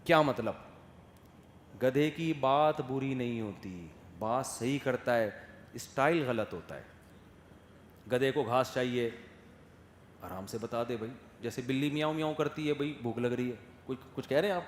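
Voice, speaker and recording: A man giving a sermon, lively, firing rhetorical questions at his listeners and acting out soft and loud voices. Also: mid-range voice, a little hiss or hum. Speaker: religious scholar giving a sermon. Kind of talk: Urdu sermon. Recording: echoey hall with faint ambience.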